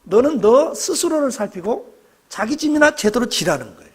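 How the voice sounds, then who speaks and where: A man's voice: very high-pitched, big pitch swings, normal speed, breathy edge. A middle-aged male pastor preaching a sermon in a church, emphatic and exhorting, calling on the congregation to respond. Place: church sanctuary.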